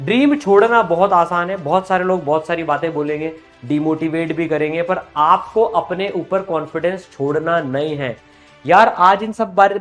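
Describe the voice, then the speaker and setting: A man speaking as a coaching teacher, giving students a motivational pep talk. He speaks animatedly and familiarly, rising higher and louder when he urges them on. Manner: animated, rising in pitch and loudness when urging; addresses listeners familiarly as friends and brothers.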